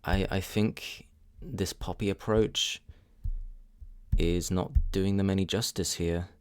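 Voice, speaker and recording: Low-voiced man musing over a song. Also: fairly even intonation, clean tone. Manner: hesitant, many ums and restarts, thinking aloud; candid, measured opinions. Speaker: music reaction channel host. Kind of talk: casual spoken music review.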